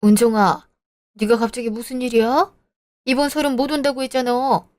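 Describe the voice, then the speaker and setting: A woman voicing a gentle middle-aged mother who speaks softly and with concern, in an audio drama. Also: a little high, level tone, normal speed, lightly acted.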